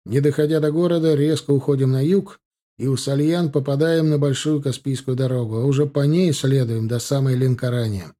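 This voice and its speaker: A man voicing a calm general who lays out a march plan in a decisive, measured way. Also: mid-range voice, lightly acted.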